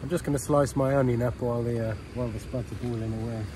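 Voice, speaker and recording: A fast-talking man with a medium-pitched, steady voice chats offhandedly to camera as a fishing and cooking vlogger. He's on an open shingle beach next to a shelter, and the outdoor recording is noisy with wind and waves.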